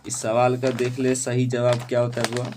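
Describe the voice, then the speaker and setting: A man teaching an exam-prep lesson, quizzing students and urging them to answer quickly. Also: medium pitch, completely flat delivery, noisy background.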